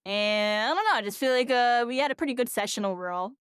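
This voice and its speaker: This game streamer's voice is slightly high, a bit bright, smooth, and expressive, moving at a quick pace, though tired after a long session. She rambles through casual live-stream chat full of "like" and "you know," captured at studio quality without echo.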